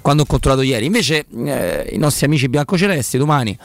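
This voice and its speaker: A man's voice: medium pitch, lively intonation, fast talker, vocal fry. Sardonic Roman man talking football on radio. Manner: sardonic, colloquial. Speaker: radio sports commentator. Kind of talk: casual sports talk.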